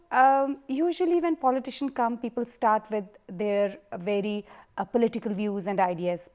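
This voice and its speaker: A woman hosts a TV interview at a middle pitch. She introduces her guest in effusive, formal terms. Her questions run long and wind through several clauses. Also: darkish tone. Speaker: TV talk show host. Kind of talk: hosting an interview.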